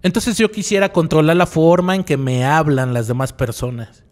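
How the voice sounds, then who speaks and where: A male psychologist gives a reflective radio talk in a voice on the high side, with fairly even intonation at normal speed. He poses rhetorical questions to the listener, repeats key phrases and ends lines with "¿no?"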